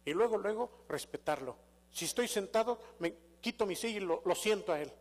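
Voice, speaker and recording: A man's voice: high voice, animated, fairly quick. An older man with a Mexican accent preaching a sermon as pastor, telling stories and putting rhetorical questions to his congregation. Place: church sanctuary. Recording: long reverb of a church hall.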